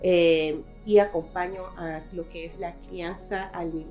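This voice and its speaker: A woman's voice: on the low side, steady tone, takes it slowly, mellow, soft background music. A middle-aged woman from Guatemala, a guest in a conversational interview, speaking thoughtfully with frequent hesitations.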